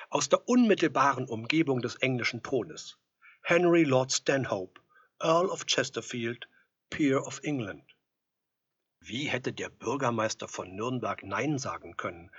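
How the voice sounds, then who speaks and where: A man's voice: medium pitch, a bit bright, breathy edge, no room sound. A man telling a historical story in scripted narration, with a wry, ironic manner. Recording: dull lo-fi recording.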